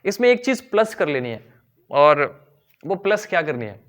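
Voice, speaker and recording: Indian guy teaching grammar, high voice, keeps asking the class stuff, stretches out the english bits slow. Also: sing-song, a bit bright, smooth. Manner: explains step by step, asks the class questions and answers them; drawls English phrases slowly for emphasis. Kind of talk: classroom lesson in Hindi mixed with English.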